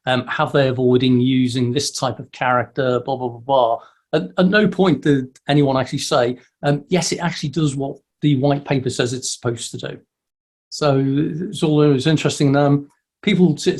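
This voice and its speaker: A man's voice: medium pitch, a little mellow. Chatty man hosting a video call. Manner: chatty, many restarts. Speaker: host. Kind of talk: casual group chat.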